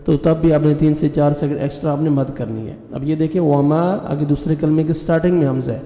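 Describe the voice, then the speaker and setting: A man teaching Quran reading. He spells out letters and vowel marks one by one, then recites each word slowly in a drawn-out chant. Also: on the high side, dark tone. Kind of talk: slow spelled-out recitation lesson. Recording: echoey room with long reverb.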